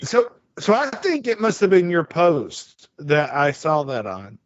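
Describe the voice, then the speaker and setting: A man's voice: on the high side, huge pitch swings, a little slow. A man in his forties telling a rambling story in casual chat, full of restarts and stammers. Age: 40s. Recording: dull lo-fi sound.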